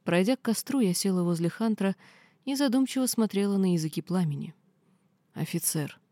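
A woman reading a first-person fantasy novel aloud in steady storytelling. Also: mid-range voice, quick pace, dry recording. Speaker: audiobook reader.

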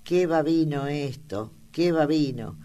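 A woman's voice: sits low, takes it slowly, dark tone, slight background noise. A woman reading an audiobook, voicing an earnest, affectionate young country girl with rustic speech.

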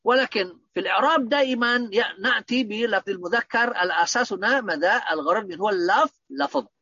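Bright high-voiced male grammar teacher. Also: quick pace, breathy edge, dry recording. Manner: explains with repeated questions to students. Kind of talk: online grammar lesson. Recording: dull, dry lo-fi audio.

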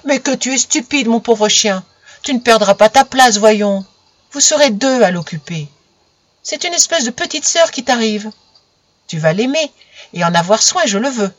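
Woman doing a high little girl's voice. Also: animated, normal speed, no echo. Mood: coaxing. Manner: scolding then coaxing. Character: little girl, stern but tender with her pets.

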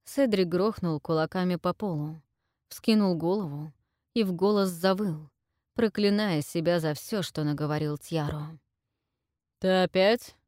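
A woman reading a novel aloud as a narrator, in a measured, deliberate way. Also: fairly low pitch, darkish tone, dry recording, clean studio sound. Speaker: audiobook narrator. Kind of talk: scripted narration.

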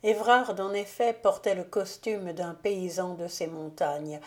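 A woman narrates a classic novel at an unhurried, measured pace. Her voice is on the low side and mellow in tone. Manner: measured, calm reading. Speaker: audiobook reader.

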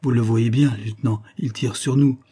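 Man doing blunt loyal sailor, dry matter-of-fact delivery, husky. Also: mid-range voice, fairly even intonation, fairly quick, warm tone, close to an everyday voice.

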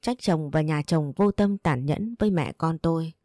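A woman narrating a sad first-person story in a steady, sorrowful way. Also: deep voice, normal speed, no room sound, clean studio sound.

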